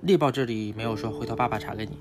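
A father hosts a casual educational chat with his young child, teaching about animals from a book and explaining step by step with frequent little check-in questions. His mid-range voice is rapid-fire, with music playing underneath.

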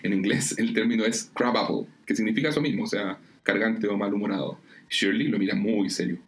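A man casually narrating sitcom scenes with animated, chuckling asides. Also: lowish voice, brisk.

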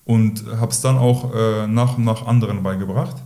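A man's voice: fairly low pitch, steady tone, moderate pace, warm tone. A man who works as a weight-loss coach, talking directly and instructively in a casual podcast conversation, often closing his points with a short "so". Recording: roomy echo.

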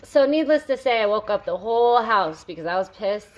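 A woman's voice: mid-range voice, lively intonation, brisk, a crowd in the background. A middle-aged woman co-hosting a podcast, talking in a blunt, venting way and swearing freely in casual chat. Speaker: podcast co-host.

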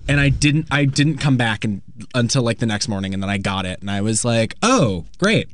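Young man, medium pitch, very dry sound, casual banter, dramatic storyteller. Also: steady tone, a little fast, no room sound. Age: young adult.

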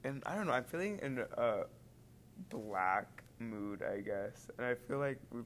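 A man's voice: medium pitch, animated, a little slow, fairly bright tone, a little hiss or hum. A teenage boy chatting casually, rambling and hesitant with lots of fillers. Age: teens. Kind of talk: casual chat.

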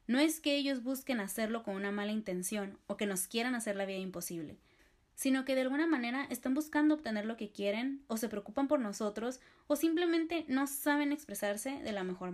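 Woman teaching, fairly high voice. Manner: clear and explanatory, acts out short example replies. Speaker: presenter explaining assertive communication. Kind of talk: instructional talk.

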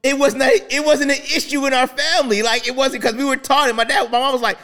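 A man in his thirties hosting a faith talk show, telling personal stories in a casual, animated way with many restarts. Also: very high-pitched, quick pace. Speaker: podcast host.

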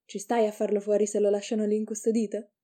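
Woman voicing Tony, a cocky rough young man. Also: medium pitch, flat delivery, fast talker, dark tone, natural voice. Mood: brash.

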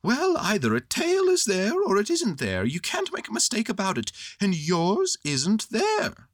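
A man's voice: high-pitched, wildly swooping pitch, measured pace, pitched above the performer's own voice, full character voice. A man voicing an earnest, simple-hearted bear in a storybook reading. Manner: eager, earnest and solemn at times.

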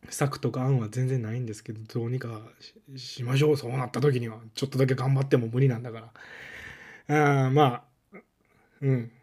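A man with a Kansai accent hosting a podcast in a casual solo talk, his voice held low and strained from a lingering cough, speaking gently with many soft fillers in a makeshift room instead of his usual studio. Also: steady tone, a little fast, husky. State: strained, lowered voice from a cough illness. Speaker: podcast host.

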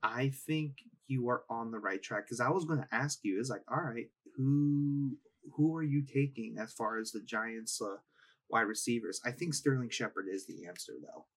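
A man's voice: medium pitch, normal speed, breathy edge. A man co-hosting a fantasy football podcast, chatting casually, hedging his takes and putting questions to his co-host. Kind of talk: casual chat.

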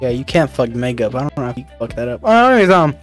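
A man's voice: mid-range voice, sing-song, rapid-fire, soft background music. A young man hosting a casual podcast with friends, rambling through stories with lots of swearing and restarts. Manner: rambling, profane, restarts often. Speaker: podcast host. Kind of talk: casual chat among friends.

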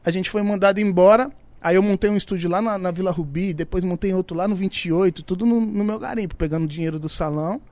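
A man's voice: high voice, steady tone, fast talker, hardly any pauses, darkish tone, dry recording. A man from the São funk scene, telling stories in casual slang and acting out the dialogue. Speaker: funk music producer. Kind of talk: casual podcast storytelling.

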